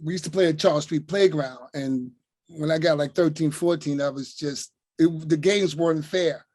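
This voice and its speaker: Relaxed and easygoing, this older Newark man, a retired coach, recounts his childhood over a video call and keeps saying "you know what I'm saying." He talks at normal speed in a fairly high, darkish voice with no echo.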